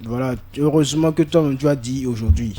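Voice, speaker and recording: A man's voice: mid-range voice, fairly quick, a crowd in the background. A man co-hosting a morning radio show, arguing in jest and laughing with his colleagues. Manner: joking, argumentative, laughing.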